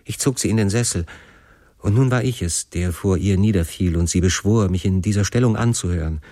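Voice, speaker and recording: A man with a very low, deep voice narrates a classic novel. His reading is passionate and theatrical, and he leans into the drama of each line. The sound is close and dry, with no room echo. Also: a little fast, mellow. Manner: impassioned, theatrical first-person delivery. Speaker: audiobook narrator.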